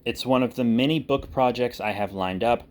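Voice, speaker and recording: Speaking at a moderate pace, a man with a medium-pitched, somewhat dark voice rambles casually through an update for his viewers. He's an online video creator and writer, and his informal talk is full of self-corrections as he thinks out loud.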